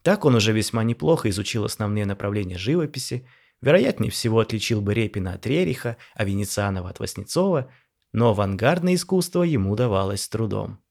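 Male narrator, measured and wry, scripted audio story. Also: lowish voice, animated, creaky, a little mellow.

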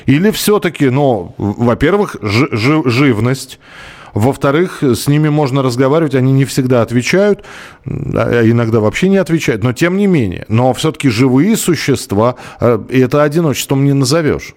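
A man's voice: mid-range voice, lively intonation, moderate pace, darkish tone. A man hosting a talk show, reading out listener messages and talking them over in a conversational way with some hesitations. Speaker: radio show host.

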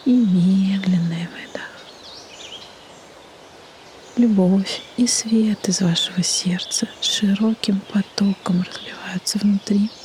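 Soft breathy woman half-whispering a meditation, mellow and soothing, long pauses, birds in the background. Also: mid-range voice, steady tone. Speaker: meditation guide. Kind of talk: guided meditation narration. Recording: faint background noise, birdsong ambience. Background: birdsong and nature ambience.

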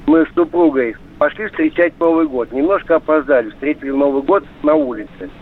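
An older man calling in to a live show over a landline phone, telling a short story in a halting, plain way. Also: on the high side. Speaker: caller. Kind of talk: casual call-in chat. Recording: tinny phone line with faint hiss.

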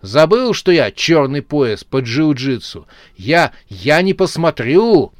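A man voicing a feisty, sharp-tongued young woman who scolds in indignant outbursts, in a storybook reading. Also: on the high side, big pitch swings, slow, no echo, studio quality. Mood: jealous scolding.

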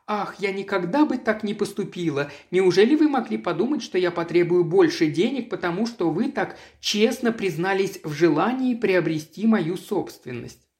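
A woman's voice: sits low, expressive, unhurried, darkish tone. A reader voicing a polite, composed young woman who feigns sweet innocence in an audiobook. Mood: sweetly innocent. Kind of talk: audiobook character voice.

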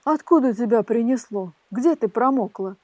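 Woman voicing a chuckling old fisherman of a fairy tale, teasing, raised high voice. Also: lively intonation, moderate pace, darkish tone, no echo. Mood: scolding, teasing. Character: good-natured mocking old fisherman.

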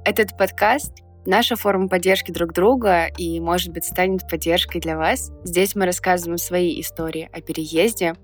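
A woman's voice: on the low side, fairly even intonation, normal speed, soft background music. A woman in her thirties co-hosting a podcast, speaking in a supportive, encouraging way in casual chat. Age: 30s. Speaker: podcast co-host.

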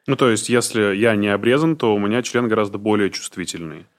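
A young man in his late twenties hosts a relaxed podcast, his voice somewhat low. He asks curious, probing questions and keeps a light, joking tone. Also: fairly quick. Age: late 20s. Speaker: podcast host. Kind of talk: casual podcast interview.

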